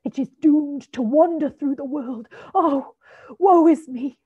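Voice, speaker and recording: A woman pitches her voice high, above her natural range, to play the anguished ghost of an old businessman weighed down by chains. She wails mournfully and draws out her words at a slow pace, sounding mellow on a muffled recording.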